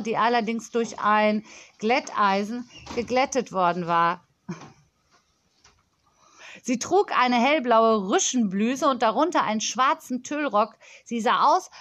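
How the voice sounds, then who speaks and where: A woman reading a children's story aloud in an even, measured narration. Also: fairly high pitch. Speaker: audiobook narrator.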